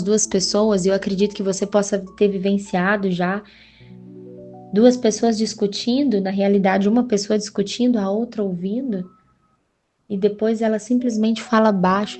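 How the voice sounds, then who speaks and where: A woman's voice: medium pitch, a little mellow. A woman in her thirties with a Brazilian Portuguese accent, giving an earnest devotional talk and prayer, asking her listeners many questions. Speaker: devotional speaker.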